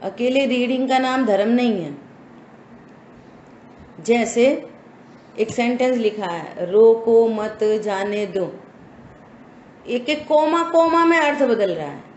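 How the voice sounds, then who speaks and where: A woman religious teacher gives a slow, emphatic scripture study lesson, posing rhetorical questions to her listeners. Her voice is a little high and expressive, with dull audio, slight background noise and an echoey room with faint ambience.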